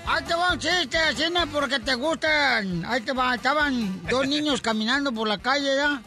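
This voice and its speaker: A man's voice: very high-pitched, moderate pace, music in the background. A male radio host, joking and teasing his co-hosts in playful banter. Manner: playful, tells jokes, teases co-hosts.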